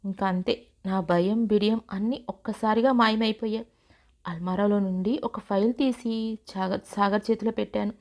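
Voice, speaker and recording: A woman telling a family story in the first person, with a gentle and expressive manner. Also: medium pitch, normal speed. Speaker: storyteller and channel host.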